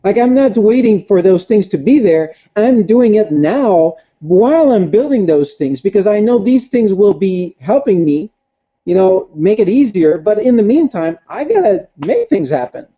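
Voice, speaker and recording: An interviewer asking hesitant, halting questions and sharing their own experience. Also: mid-range voice, sing-song, muffled recording. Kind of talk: casual interview.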